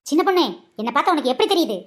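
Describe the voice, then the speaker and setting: A cranky old granny, high and fast. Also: female voice, animated, a little hiss or hum. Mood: indignant. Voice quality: high, thin old-lady voice. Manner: complaining, sharp-tongued. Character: cranky old grandmother customer, fussy and quick.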